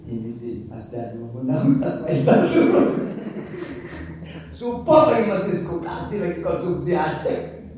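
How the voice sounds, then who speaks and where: A man teaching a Quran study circle in an animated, joking, colloquial way. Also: on the high side, unhurried, noisy background. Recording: echoey hall, mic far off.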